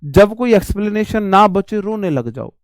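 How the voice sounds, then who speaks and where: A man's voice: sits high, expressive, moderate pace, clear, resonant tone, no echo, clean studio sound. A man from India teaching English idioms in a casual, chatty lesson, calling students brother and repeating himself. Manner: chatty, addresses students as bhai and ji, repeats phrases. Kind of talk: casual Hindi vocabulary lesson.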